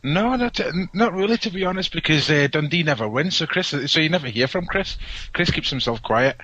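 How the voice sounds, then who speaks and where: A man's voice: on the high side, animated, fairly quick, sharp tone, no echo. A man with a broad Scottish accent chatting casually as an interview guest, jokey and often restarting his phrases, on a muffled remote call. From Scotland. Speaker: podcast guest, template company representative. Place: remote audio-only call. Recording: dull, muffled lo-fi call audio.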